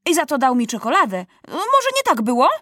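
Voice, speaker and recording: Woman doing a high, defiant boy soldier. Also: huge pitch swings, fairly quick, no room sound, studio quality, full character voice. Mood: bold. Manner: shouting defiantly. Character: brave stubborn young boy soldier.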